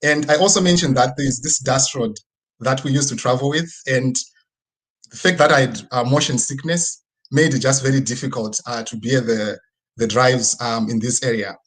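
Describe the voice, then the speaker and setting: Speaking as a guest in an online video session with screen sharing, a husky Zimbabwean man from the rural Midlands offers a personal motivational talk. His voice is medium in pitch and a bit bright, moving at a moderate pace over a low-quality recording. His style is conversational, peppered with tag questions that seek agreement.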